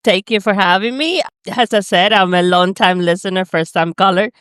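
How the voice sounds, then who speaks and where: A woman's voice: medium pitch, normal speed, fairly bright tone, clear, resonant tone, no echo. A woman from the Dominican Republic, a guest on a podcast, telling her career story in a casual, earnest way. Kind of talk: casual interview answers. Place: home in the Bronx, calling in.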